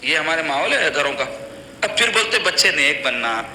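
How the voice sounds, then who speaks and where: A man's voice: fairly high pitch, big pitch swings, pushed and bright. A man giving an earnest, admonishing religious lecture to a congregation. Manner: earnest, admonishing, plain conversational phrasing. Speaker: Islamic preacher. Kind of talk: religious lecture on child upbringing. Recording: echoey hall with faint noise.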